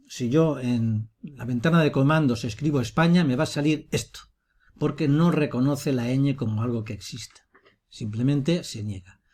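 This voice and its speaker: A man teaching, talking through a screencast software tutorial step by step in an explanatory manner. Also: mid-range voice, breathy edge.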